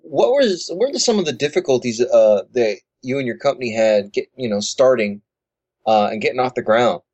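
Male co-host, mid pitch, easygoing and hesitant, dry, muffled mic. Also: expressive, normal speed, darkish tone, no echo. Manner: easygoing, asks questions with hesitant "uh" starts. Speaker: podcast co-host. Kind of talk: casual interview chat.

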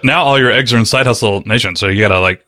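Bright-voiced, joking male podcast host. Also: lowish voice. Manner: joking, chatty, fast-talking. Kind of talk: casual interview.

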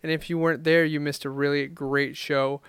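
A man's voice: a little high, flat delivery, moderate pace, a bit bright, smooth, dry recording, clean studio sound. A man hosting his own podcast, chatting loosely with fillers and restarts. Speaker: podcast host. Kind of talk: casual podcast chat.

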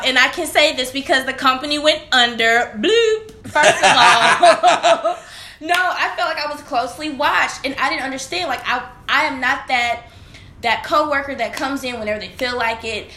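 A young woman in casual podcast chat, animated and quick with asides. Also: on the high side. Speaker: podcast co-host. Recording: echoey room, faint noise.

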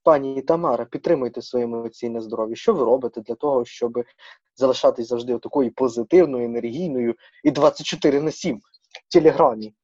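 Young man, podcast host, teasing, playful, husky, dark tone. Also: medium pitch, fast talker, no echo, muffled recording. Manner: playful, teasing, mixes in Russian words. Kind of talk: casual podcast chat.

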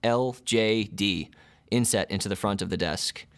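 A man narrating a tabletop game as game master, unhurried and descriptive. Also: fairly low pitch, fairly bright tone.

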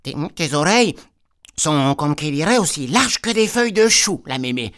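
A man's voice: on the high side, animated, moderate pace, fairly bright tone. A man voicing a naive little peasant girl, asking wondering questions.

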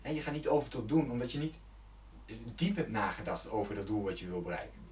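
A man's voice: on the low side, lively intonation, quick pace, darkish tone, roomy sound, recorded from a distance. A man coaching his viewers on setting goals, speaking earnestly and loosely, with fillers and self-corrections. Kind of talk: motivational talk to camera.

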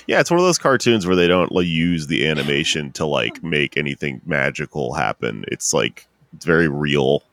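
A man talks loosely on a podcast, retelling a cartoon plot with swearing, fillers and laughs. His voice is very low. The recording is dry and close. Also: sing-song, moderate pace, few pauses, fairly bright tone, no room sound. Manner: laid-back, swears, lots of fillers and laughter. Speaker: podcast co-host. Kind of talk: casual chat recapping a cartoon episode.

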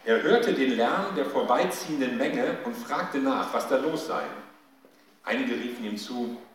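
A man giving a sermon, telling a Bible story in a lively way and shouting out the quoted cries. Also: mid-range voice, measured pace, slight background noise. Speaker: preacher. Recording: echoey hall, mic at a distance.

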